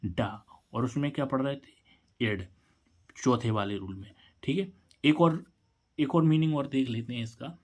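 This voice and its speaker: Man, classroom-style spelling lesson, asks then answers himself, spells letters slowly. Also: medium pitch. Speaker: English teacher.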